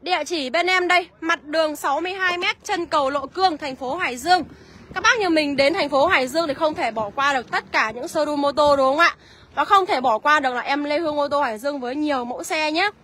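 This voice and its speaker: A woman selling used cars on a live walkaround, listing prices briskly and calling out to viewers by name. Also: high voice, sharp tone. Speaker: used car seller.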